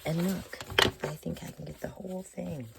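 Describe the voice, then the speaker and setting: A woman with a low voice gone hoarse and squeaky from illness, often cracking into breathy whispers. She rambles casually as a craft vlogger, thinking aloud while she works. The recording has clear background noise and clicks. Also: steady tone, normal speed. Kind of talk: casual chatty craft tutorial.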